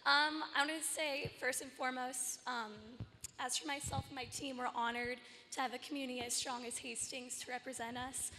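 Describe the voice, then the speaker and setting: A young woman who plays on a college volleyball team, her voice hoarse, giving an earnest thank-you speech with many pauses. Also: sits high, level tone, sharp tone, big-room sound, a little hiss or hum. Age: young adult. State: lost her voice. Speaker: senior college volleyball player.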